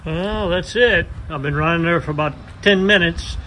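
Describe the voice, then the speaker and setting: A vintage outboard motor mechanic narrates his repair work in a casual vlog, folksy and matter-of-fact, calling the motor "her." His voice sits fairly high and moves at a moderate pace, and the recording is very noisy. He's in a workshop and outdoors by the water.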